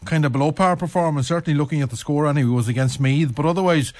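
A man's voice: a little high, dry recording. Donegal man presenting local radio sport, dry sound. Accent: Donegal Irish. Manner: halting, roundabout, repeats and corrects himself. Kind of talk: live local radio sports talk and interview. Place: radio studio.

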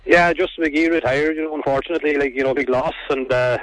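A man's voice: fairly high pitch, fairly even intonation, fast, dry recording, low-quality recording. A man with an Irish accent, a team manager answering questions conversationally and plainly in a live radio sports interview.

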